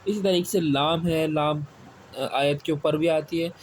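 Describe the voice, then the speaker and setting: Male Quran teacher repeating questions slowly. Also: fairly high pitch, fairly even intonation. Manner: asks questions and answers them himself, repeats key words slowly. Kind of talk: step-by-step classroom explanation. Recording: faint background noise.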